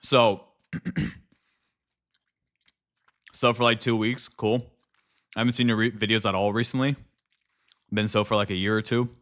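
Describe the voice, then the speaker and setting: A man's voice: fairly low pitch, level tone, normal speed, a bit bright. A man livestreaming in a casual chat with viewers, speaking informally with slang and some swearing. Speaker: live streamer and video creator.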